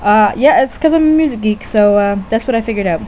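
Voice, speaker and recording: At a quick pace and fairly high pitch, a woman gives a relaxed, unscripted demonstration of her DIY electronics hobby. She chats hesitantly, often correcting herself, over tinny lo-fi webcam-era audio with background noise.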